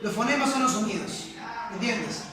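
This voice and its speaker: A man's voice: sits high, normal speed. A male teacher, giving a classroom lecture and questioning his students, repeating points for emphasis. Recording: echoey classroom from far off, students audible.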